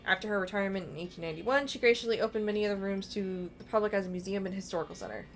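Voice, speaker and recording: Woman, mid-pitched voice, casual game playthrough, reading text aloud, offhand asides, noticeable background noise. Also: rapid-fire.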